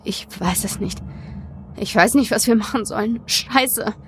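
A woman's voice: medium pitch, steady tone, brisk, a little hiss or hum, lightly acted. A woman voicing a frightened, defensive teenage boy in a horror story reading, blunt at first and then stammering. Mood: despairing.

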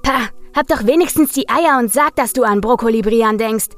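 A woman's voice: a little high, brisk, no room sound, soft background music, close to an everyday voice. A woman voicing a brutish, mocking young man who bellows and bullies, reading a storybook thriller. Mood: bellowing. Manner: loud, jeering and bullying.

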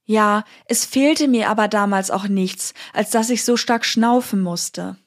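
A woman's voice: medium pitch, measured pace. A woman voicing a defiant possessed girl.

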